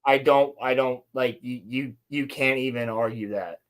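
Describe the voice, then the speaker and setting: A man's voice: mid-range voice, steady tone, fairly bright tone. A man hosting a podcast, chatting casually and stumbling over repeated words. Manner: easygoing, halting, repeats words. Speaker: podcast host. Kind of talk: casual reaction chat.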